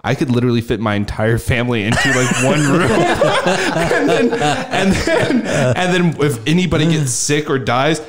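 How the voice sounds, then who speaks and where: A man's voice: a little high, normal speed, hardly any pauses, a loud crowd. A man in his thirties trading jokes in a casual podcast chat. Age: 30s. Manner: joking, animated banter.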